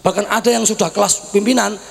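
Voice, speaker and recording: A man preaches with a Javanese accent in a strikingly high, gravelly voice. He teases his listeners and shouts quick questions for them to answer back. The sound rings with the long reverb of a big hall. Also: steady tone. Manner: teasing call-and-response, shouting questions. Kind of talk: lively sermon to students. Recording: echoey hall recording.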